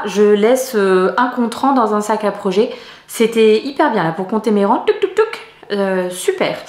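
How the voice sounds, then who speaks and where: A middle-aged woman from France chats casually to her viewers, her voice sitting a little high. She rambles with frequent hesitations and soft laughs. The sound carries a roomy echo, as in an ordinary home. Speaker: knitting vlogger. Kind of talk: casual chatty vlog.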